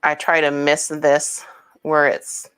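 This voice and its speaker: A woman's voice: sits low, monotone, slow, fairly bright tone, clean tone. A woman hosting a home cooking demonstration, explaining each step in a chatty, homey way with casual asides. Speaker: cooking show host.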